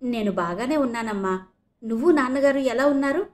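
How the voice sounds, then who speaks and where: A woman's voice: sits high, animated, fairly quick, a little mellow. A woman voicing a polite young man, a medical student visiting his parents, in an audio novel reading.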